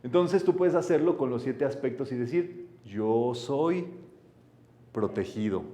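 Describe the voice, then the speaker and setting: A man's voice: mid-range voice, expressive, measured pace, warm tone. A man, giving an earnest spiritual Bible lecture and leading a group in affirmations. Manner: earnest and explanatory. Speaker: spiritual teacher.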